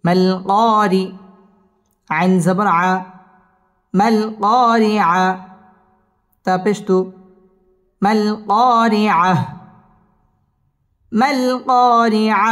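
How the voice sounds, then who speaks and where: A man teaching Quran recitation with tajweed, slowly and patiently spelling out each Arabic syllable with a Bangladeshi accent. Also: high voice, fairly bright tone. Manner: slow, patient drilling that repeats each syllable. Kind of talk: spelling out Arabic letter by letter, then melodic recitation. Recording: reverberant room with faint music.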